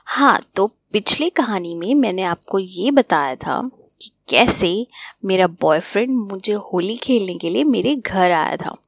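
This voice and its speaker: A woman narrating an adult story in a soft voice that often slips into a half-whisper. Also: mid-range voice, animated, measured pace, no echo.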